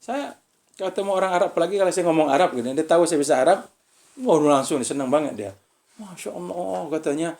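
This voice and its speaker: A man's voice: a little high, quick pace, a little mellow. Chatty Indonesian preacher man. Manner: conversational, keeps asking "ya kan?". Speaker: visiting preacher. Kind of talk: religious study talk to students.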